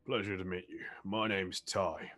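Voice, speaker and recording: A man with a lowish voice plays his character at a tabletop game in a casual, blunt way. He speaks bluntly and bluffly, mixing boasts with plain talk. His delivery is brash and easygoing. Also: fairly even intonation, moderate pace, a bit bright.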